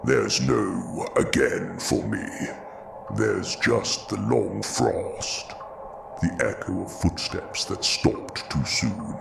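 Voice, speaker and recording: An extremely low, heavily croaking monster in an audio drama. The creature is bitter and grieving, brooding over every slow, solemn phrase. Clear background noise sits behind the voice. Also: male voice, expressive, heavily acted. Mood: bleak, resigned. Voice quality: deep, gravelly. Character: Frankenstein's monster, bitter grieving philosophical male creature, ancient at heart. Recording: clearly noisy background ambience.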